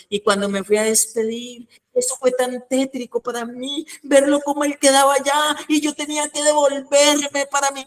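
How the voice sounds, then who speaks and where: Pastor guy giving a sermon, high voice, bright and lively, keeps asking the room stuff. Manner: animated, acts out scenes, asks listeners questions. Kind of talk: teaching sermon.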